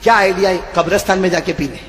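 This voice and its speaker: A man preaching to a live gathering. He jokes, quizzes the crowd, and swings between soft asides and shouts. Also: sits high, in a large hall. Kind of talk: lively storytelling sermon. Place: live religious gathering with a stage.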